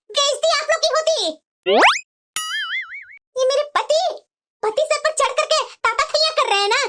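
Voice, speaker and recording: A woman's voice: very high-pitched, bright, forceful tone. A woman voicing a stubborn, quarrelsome young daughter-in-law in a cartoon. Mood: angry. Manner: defiant, quarrelsome, talks back. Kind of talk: Hindi cartoon voice acting.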